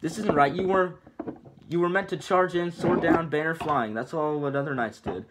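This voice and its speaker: A man's voice: fairly high pitch, normal speed, heavy background noise, pitched above the performer's own voice, lightly acted. A man doing a prim, dramatic fairy-tale princess. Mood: scolding. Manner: dramatic, old-fashioned storybook phrasing. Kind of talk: casual script reading.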